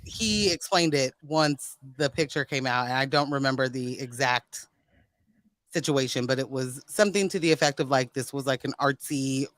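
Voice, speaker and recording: A man co-hosting a podcast in casual chat, animated and laughing, heavy on slang. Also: mid-range voice, normal speed, dry recording, clean studio sound. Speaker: podcast co-host.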